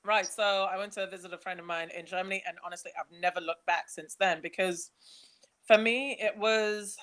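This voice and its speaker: A young woman from Nigeria, speaking, gives a chatty, animated webinar talk about her travels while slides are changed. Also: mid-range voice, moderate pace. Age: young adult. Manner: chatty, animated, laughs easily.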